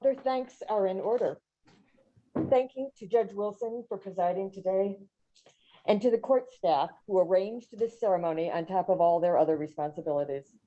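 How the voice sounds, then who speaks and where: A woman's voice: medium pitch, normal speed, mellow. A woman judge delivering a formal prepared speech of thanks. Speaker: newly sworn-in judge. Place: courtroom. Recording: dull, muffled sound.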